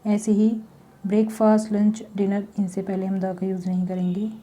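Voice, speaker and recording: A woman teaching a grammar lesson, slowly explaining step by step with examples. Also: mid-range voice, monotone, warm tone.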